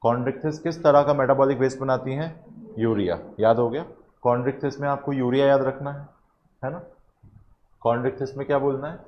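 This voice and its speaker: A man teaches a biology class, drilling points through repetition and checking in often with his students. His mid-range voice keeps a steady tone at a moderate pace. The audio is slightly dull, with a little hiss or hum and faint room ambience.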